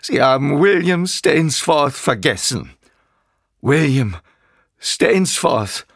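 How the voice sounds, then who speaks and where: A man's voice: sits low, very animated, a little slow, fairly bright tone, no echo, studio quality, heavily acted. A man voicing a sinister one-armed male ex-policeman villain who whines one moment and threatens coldly the next. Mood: whining. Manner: whining, then cold and menacing.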